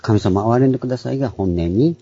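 A man giving an online Bible lecture, explaining at an unhurried pace and clearing his throat often. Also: medium pitch, mellow, dull audio. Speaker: Bible teacher.

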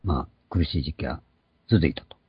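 A man's voice: rumbling low, animated, fairly quick, slightly rough, no room sound. An older man preaching an earnest sermon, explaining and stressing key words. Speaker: pastor. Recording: dull lo-fi recording.

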